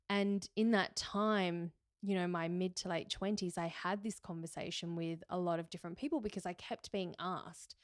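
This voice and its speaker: Hosting her own podcast, a woman in her thirties talks through her life in a candid, reflective way, with fillers and self-corrections along the way. Her voice is on the low side, clear and resonant, in clean studio audio with no room sound.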